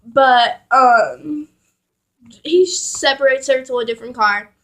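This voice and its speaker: A woman's voice: high-pitched, slow pace, a bit bright. A young woman vlogger telling a rambling story in a casual, profanity-heavy way, with laughing asides.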